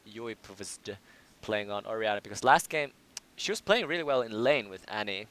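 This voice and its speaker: Young man, esports commentary, low voice, forceful and bright. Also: expressive, moderate pace. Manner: analytical, restarts phrases while thinking aloud. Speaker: esports caster. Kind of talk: live game commentary.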